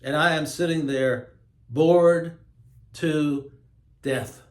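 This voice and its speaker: A man hosting his own show, talking in a slow, emphatic, preachy monologue. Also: fairly high pitch, steady tone, roomy sound. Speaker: host. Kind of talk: monologue to camera.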